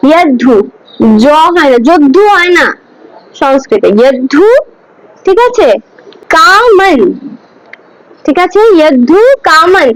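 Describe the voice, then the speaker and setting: A woman with a very high voice leads a class through scripture pronunciation. She speaks slowly, drilling each syllable patiently and having students repeat after her. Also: expressive, a bit bright, rough recording. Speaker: Gita teacher. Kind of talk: slow pronunciation lesson.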